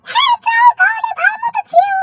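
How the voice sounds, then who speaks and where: A woman voicing a fussy old granny in a shrill, shouting voice during a playful role-play video. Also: fairly even intonation, fairly quick, no room sound, faint music behind.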